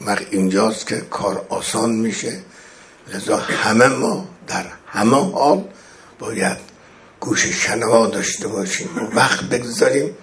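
A man preaching a sermon, telling a religious story in a solemn, measured way and often speaking soft and low.

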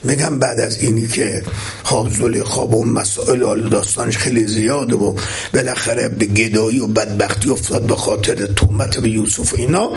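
A man's voice: lowish voice, fairly even intonation, darkish tone, slight background noise. A male preacher giving an impassioned religious sermon and telling a story, rising to emphatic peaks.

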